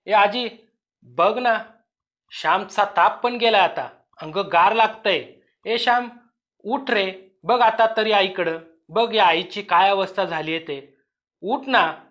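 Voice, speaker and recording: A man's voice: high voice, normal speed, a bit bright. A man reading an audio story, voicing a grief-stricken young village mother who pleads tearfully and raises her voice. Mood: desperate.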